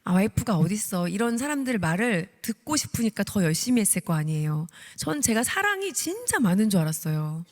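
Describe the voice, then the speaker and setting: A woman's voice: mid-range voice, brisk, hardly any pauses. Woman testifying in a reverberant church. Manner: animated storytelling, acting out her own prayers. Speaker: deaconess giving a testimony. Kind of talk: testimony sermon. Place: church sanctuary. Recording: long hall reverb.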